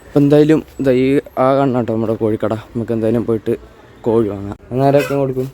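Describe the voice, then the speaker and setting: Fast-talking young Thrissur man, English-sprinkled Malayalam. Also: medium pitch, background noise. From Kerala, India. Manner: Malayalam sprinkled with English words, often addressing viewers. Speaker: vlogger. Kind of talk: casual day-in-the-life vlog. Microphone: handheld camera or phone without external mic.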